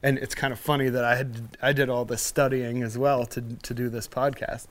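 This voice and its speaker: A man talks through a movie in a relaxed podcast chat, stopping often with fillers and restarts. He loses his thread now and then but keeps going in an even, ordinary voice. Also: mid-range voice, normal speed. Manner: hesitant, loses his train of thought. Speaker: podcast co-host.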